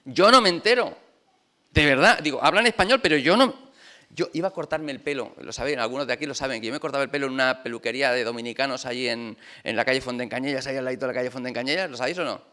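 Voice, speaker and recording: A man's voice: mid-range voice, rapid-fire, bright, forceful tone. A man from preaching a conversational sermon in a church, chatty and full of rhetorical questions to the congregation. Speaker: pastor.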